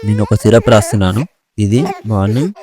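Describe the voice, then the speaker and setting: An actor playing a doctor who talks calmly and reassuringly in a short film. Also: male voice, fairly low pitch, quick pace, lightly acted. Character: calm middle-aged male doctor.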